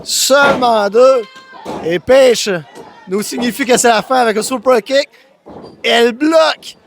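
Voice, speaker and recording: A man with a Quebec French accent calls wrestling live as an excited, exclamatory commentator who often raises his voice. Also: extremely high pitch, unhurried. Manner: exclamatory, often raising voice to a shout. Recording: noisy live event commentary.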